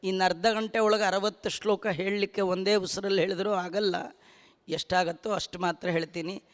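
A man's voice: high-pitched, little pitch movement, fairly quick. A man from Bangalore giving a religious discourse on scripture, quoting Sanskrit verses as he preaches. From Bangalore, India. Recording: hall reverb.

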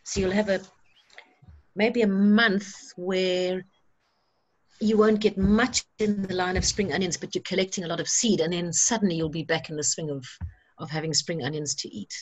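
A woman's voice: fairly low pitch, steady tone, moderate pace. A woman leading an online workshop, encouraging and practical in tone. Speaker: workshop facilitator. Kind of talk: guiding an online seed-saving workshop.

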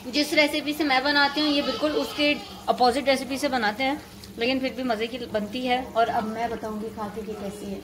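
Filming herself at home in the kitchen and later in a car at night, a woman from Pakistan narrates a casual vlog with teasing chatter and frequent laughter. She talks briskly in a high voice with fairly even intonation, over background noise.

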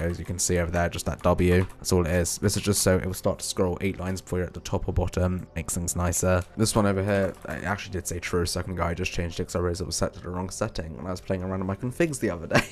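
Fast-talking low-voiced young man. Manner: quick, chatty, with fillers and self-corrections. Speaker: programming YouTuber. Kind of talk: casual screen-recorded walkthrough.

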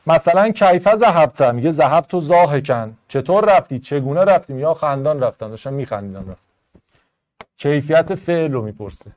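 A man teaching an online Arabic grammar class in Persian, going briskly through test answers and rules, step by step. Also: fairly high pitch, animated, darkish tone. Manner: brisk, explaining step by step to students.

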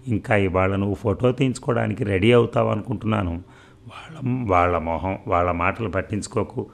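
A man voicing a soft-spoken, soothing young man in a spoken novel. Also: fairly low pitch, brisk, vocal fry.

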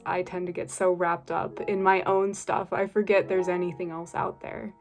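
A woman from California speaking in a relaxed way about music. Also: on the low side, normal speed. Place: bedroom at home.

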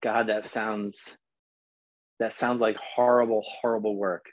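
A man's voice: lowish voice, little pitch movement, a little slow, dry recording. A man in his thirties, the host, interviewing a guest over a video call from his living room, asking short probing follow-up questions. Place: living room, on a leather couch, indoors. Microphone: video call, laptop camera mic.

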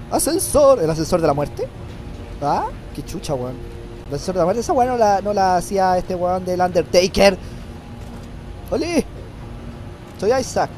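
A young man with a Chilean accent commenting on a game playthrough, nasal from a cold, joking crudely and breaking into loud swearing yells. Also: high voice. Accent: Chilean Spanish. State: has a cold, slightly nasal. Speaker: gameplay commentator. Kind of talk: casual let's-play commentary. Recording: game music playing behind.

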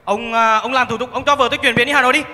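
A man's voice: extremely high pitch, fairly even intonation, racing, sharp tone, full character voice. Man playing an angry rich husband, Central Vietnamese accent, stage drama, echoey hall. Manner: angry, accusing, blunt. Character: rich hot-tempered husband, man, adult. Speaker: patient's husband. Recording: reverberant hall, faint music.

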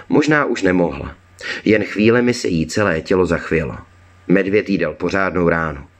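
A man narrating a children's storybook in a calm, measured reading. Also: deep voice. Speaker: audiobook reader.

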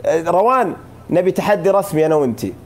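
A man's voice: fairly high pitch, lively intonation, very fast. A man in his thirties with a Gulf Arabic accent, chatting casually as a co-host on a group live stream. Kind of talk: casual chat. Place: indoor sitting room. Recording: faint background noise, live-stream call audio.

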